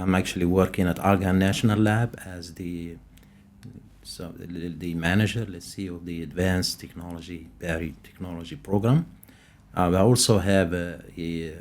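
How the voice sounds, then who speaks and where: Deep-voiced Moroccan-accented man, podcast guest. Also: darkish tone. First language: Moroccan Arabic. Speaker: podcast guest, scientist and professor. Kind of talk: conversational interview answers.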